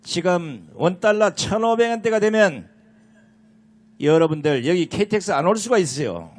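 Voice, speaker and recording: A man emceeing an outdoor political rally, shouting with crude, indignant fervor. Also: high voice, animated, normal speed. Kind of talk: fiery political rally speech. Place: outdoor rally in a station square.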